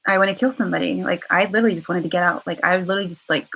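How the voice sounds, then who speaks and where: A woman's voice: on the low side, steady tone, racing, gravelly, fairly bright tone, breathy edge, poor audio. Rambling woman on a casual live stream. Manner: rambling, repeats phrases, many "like" fillers; candid and emotional. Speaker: vlogger.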